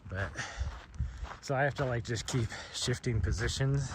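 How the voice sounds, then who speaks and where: A trail-running vlogger chats casually outdoors on a trail, his mid-range voice moving at a normal speed. He rambles, laughs often, and his throat sounds scratchy from smoke. The recording is noisy.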